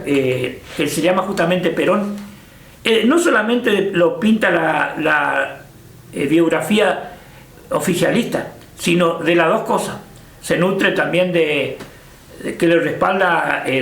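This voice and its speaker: A man's voice: on the high side, a bit bright, reverberant. An older man with an Argentine Spanish accent, recalling the past in a hesitant interview, full of fillers and restarts. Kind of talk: casual reminiscing interview.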